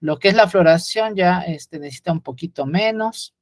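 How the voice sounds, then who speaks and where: A man's voice: high voice, normal speed, no room sound. A man gives an unscripted lecture, often hesitating with fillers and restarts while pointing things out on a chart.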